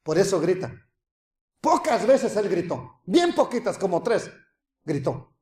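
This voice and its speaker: Animated high-voiced preacher, echoey room. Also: male voice, measured pace. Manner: animated, acts out crowd voices with laughter, drops to soft hushed tones. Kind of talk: sermon.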